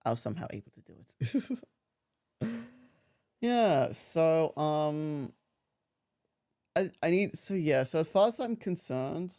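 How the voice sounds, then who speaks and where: This Australian livestreamer is young, his voice fairly high with a darkish tone. He's very animated yet slow, leaving long pauses as he rambles through casual gaming chat full of laughs and false starts.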